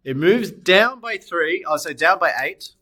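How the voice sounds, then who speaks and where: A man with a slightly high voice explains maths step by step in a recorded lesson. He poses questions to students and answers them himself, fixing his sketches aloud as he draws. Soft clicks come in behind him. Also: lively intonation, a little slow. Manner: talks students through steps, asks and answers own questions; self-correcting while sketching on screen. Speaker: maths teacher.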